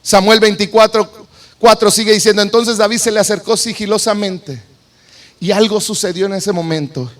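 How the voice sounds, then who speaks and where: A man preaching, retelling a Bible story with animated, acted-out quotes. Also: sits high, normal speed. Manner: animated, acts out scenes with shouted quotes. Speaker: pastor. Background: soft piano.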